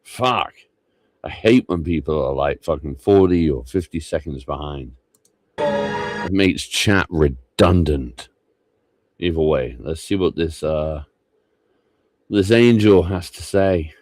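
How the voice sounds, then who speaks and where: A man's voice: a bass voice, animated, measured pace, darkish tone. A tired man rambling and swearing casually as he streams live reaction commentary. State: tired, low energy.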